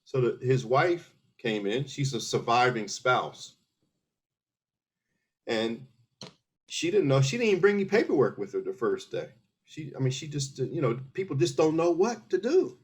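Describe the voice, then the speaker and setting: A middle-aged man from Philadelphia, USA, who served in the army, is interviewed casually, his mid-range, slightly rough voice swinging widely in pitch at a normal speed. He explains things earnestly and step by step, with many restarts.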